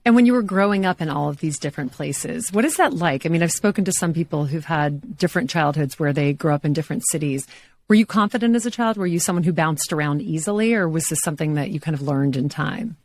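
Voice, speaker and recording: A middle-aged woman from Louisiana hosting an interview show, upbeat and quick to laugh. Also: low voice, darkish tone. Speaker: podcast host.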